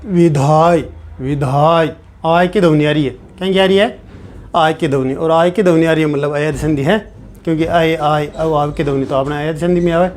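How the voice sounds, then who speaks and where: A man's voice: fairly high pitch, steady tone, brisk, a little hiss or hum. A man teaching a grammar lesson, repeating each step and answering his own questions. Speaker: Sanskrit teacher.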